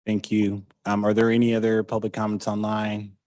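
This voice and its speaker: A man with a low, weighty baritone chairs a committee meeting. He speaks in a measured, semi-formal way, moving through procedure. The sound is close and dry. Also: monotone, darkish tone, no echo.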